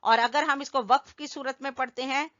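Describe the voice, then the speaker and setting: A woman teaching Quran recitation, slowly spelling out letters and vowel marks and having learners repeat them after her. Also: sits high, steady tone, muffled recording. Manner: corrects learners gently. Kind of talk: slow drilling lesson with call-and-response.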